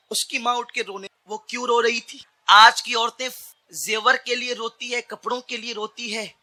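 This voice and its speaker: A male preacher with a high, piercing voice delivers an impassioned sermon. He builds to shouted climaxes, then drops to a hushed storytelling tone.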